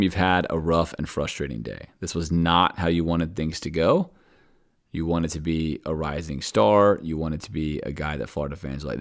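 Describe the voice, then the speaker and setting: Male podcast host, deep voice, animated film-review commentary. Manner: animated, acts out coaches and players in quoted asides.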